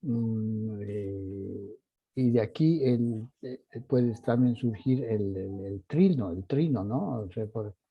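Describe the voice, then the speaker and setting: Male composition teacher, husky gravelly voice, scats rhythms mid-lesson, muffled lo-fi recording. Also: on the low side, takes it slowly. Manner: vocalizes musical articulations with syllables. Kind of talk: orchestration workshop lesson. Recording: dull lo-fi recording.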